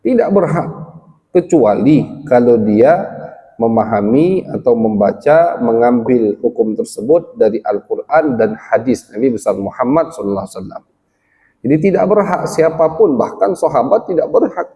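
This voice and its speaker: In a village gathering hall with long reverb, a man gives a study lecture on religion, quoting Arabic passages and explaining each in plain terms. His medium-pitched voice is warm and animated, though the sound is lo-fi. He goes slowly, reciting the Arabic first and then translating.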